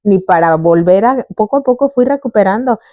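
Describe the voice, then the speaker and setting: A woman's voice: medium pitch, a little fast, no room sound, narrow, tinny audio. A young adult woman, telling her own story in an interview and acting out the voices of people she quotes. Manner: animated, acts out quoted voices. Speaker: guest sharing her testimony. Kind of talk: conversational testimony.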